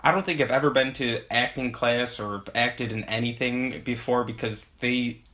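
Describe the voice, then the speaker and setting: A man's voice: medium pitch, fairly even intonation, moderate pace, pushed and bright. A young man giving a casual video movie review, sarcastic and laughing while he talks.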